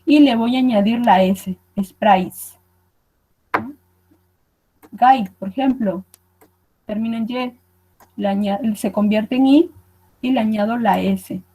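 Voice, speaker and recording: A woman's voice: a little high, measured pace, long pauses, mellow, rough recording. A woman teacher gives a recorded online lesson, explaining patiently and checking in with her students as she goes. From Peru.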